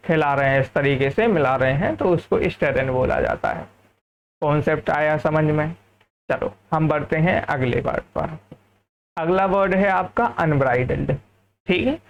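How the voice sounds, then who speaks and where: A man from India teaching a lively English vocabulary lesson, often checking whether the class has understood. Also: on the high side, dull audio, slight background noise.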